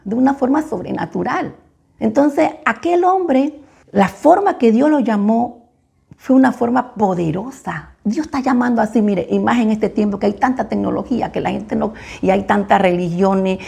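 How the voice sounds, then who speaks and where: A woman delivers a fervent sermon. Her voice is heavily gravelly, with a dark, mellow tone and a husky edge. She drives her points home with sharp, emphatic rises and falls. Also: mid-range voice. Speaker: preacher.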